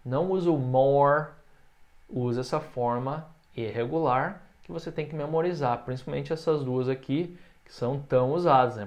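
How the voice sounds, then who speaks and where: A Brazilian man teaching English comparatives, switching between explanations and slow, careful example phrases for his students to repeat. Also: mid-range voice, a little mellow. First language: Portuguese. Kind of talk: online language lesson.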